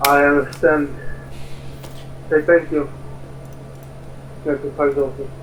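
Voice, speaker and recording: A man on a pilot's cockpit headset radio, making halting calls to air traffic control with many pauses. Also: a little high, little pitch movement, low-quality recording. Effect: pilot's cockpit headset radio transmission.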